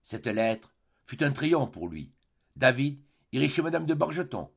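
Gravelly man reading a classic novel. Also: mid-range voice, sing-song, measured pace, muffled recording. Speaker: audiobook narrator. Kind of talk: scripted classic-novel narration.

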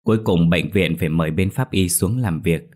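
A man narrating a ghost story in a slow, solemn storytelling manner. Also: sits low, a little mellow.

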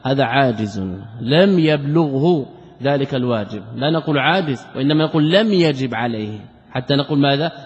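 Teaching sheikh in a reverberant hall. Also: male voice, medium pitch, expressive, brisk. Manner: asks rhetorical questions and answers them himself; repeats key words for emphasis. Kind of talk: classical religious lesson commentary. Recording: dull lo-fi recording with long hall reverb.

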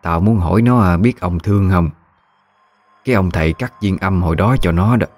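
A man's voice: sits low, normal speed, a little mellow, faint music behind. A man voicing a chatty, bossy village woman in her sixties with a Mekong Delta Vietnamese accent, blunt and familiar. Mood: brisk. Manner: blunt, familiar, talks down fondly.

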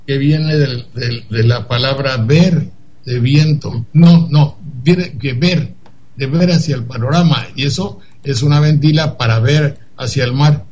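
A man's voice: mid-range voice, unhurried, darkish tone, slight background noise, low-quality recording. An older man, a radio commentator telling a digressive story and acting out the dialogue.

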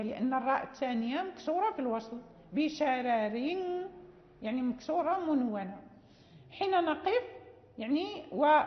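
A woman teacher giving a classroom lecture, explaining patiently, checking that students follow, with frequent fillers and restarts. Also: sits high. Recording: dull lo-fi audio with long reverb.

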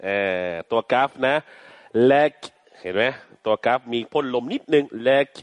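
A man teaching Quran recitation, chanting Arabic verses slowly and explaining pronunciation patiently in Thai. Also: mid-range voice, expressive, dry recording. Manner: slow, patient, demonstrates sounds repeatedly, chants verses.

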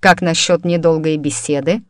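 A woman's voice: deep voice, steady tone, normal speed, no echo, close to an everyday voice. A self-assured male mentalist with a lazy, languid drawl, voiced by a female audiobook narrator. He sounds cool and completely unbothered. The recording is close and dry.

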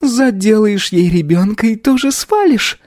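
A man's voice: high-pitched, lively intonation, a little slow, a little mellow, no echo, clean studio sound, pitched above the performer's own voice. A man voicing a smug, sardonic young woman in an audiobook, who mocks and needles. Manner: mocking, sardonic.

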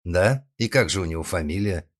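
A man's voice: low voice, animated, moderate pace, breathy edge. A man voicing a stern, protective young woman in an audiobook, speaking sarcastically and scolding her friend. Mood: sarcastic.

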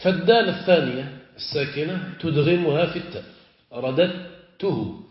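A man, a sheikh, teaching a classical Arabic grammar lesson. He stretches example words slowly and keeps asking his students whether they follow. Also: on the high side, expressive. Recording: echoey, dull lo-fi room recording.

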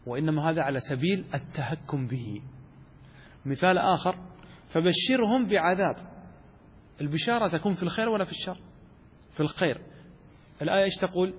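A man's voice: fairly high pitch, slightly rough. A man teaching a class on Arabic rhetoric, asking questions and answering them himself, repeating key terms. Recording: long hall reverb.

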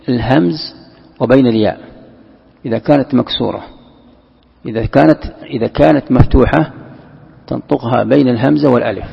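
A man with a gravelly, husky voice gives a patient religious lesson, repeating each key term and restarting words as he explains. The sound is muffled and lo-fi, and a long hall echo trails each phrase. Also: mid-range voice. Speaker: sheikh teaching Quran commentary. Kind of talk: classroom lesson explaining a text.

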